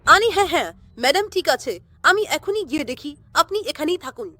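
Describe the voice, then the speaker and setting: A woman voicing a hurried male ambulance driver in a doll story, who talks politely and keeps apologizing. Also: very high-pitched, expressive, sharp tone, no room sound, heavily acted. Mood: apologetic.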